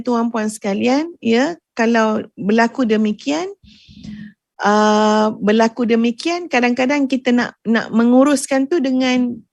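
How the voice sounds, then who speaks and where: A woman's voice: a little high, no echo. A woman religious teacher giving a sermon, earnest and addressing her audience, repeating phrases for emphasis. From Malaysia.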